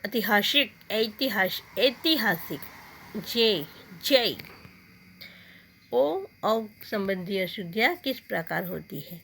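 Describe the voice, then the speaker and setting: A woman teaching a school grammar lesson, reading out letters and words slowly and saying each one twice. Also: medium pitch, expressive, vocal fry, fairly bright tone, slight background noise. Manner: slow, deliberate, repeats each word twice.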